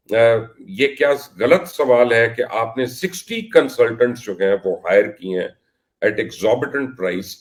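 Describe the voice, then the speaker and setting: A middle-aged man from Pakistan with a fairly low voice hosts an investigative vlog. He speaks emphatically and confronts his targets with pointed accusations. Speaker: cricket commentary vlogger.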